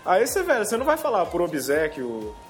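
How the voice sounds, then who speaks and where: Um homem com sotaque brasileiro, conversando descontraído e concordando com os outros. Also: male voice, high-pitched, wildly swooping pitch, fast, loud music behind the voice. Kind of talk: casual chat.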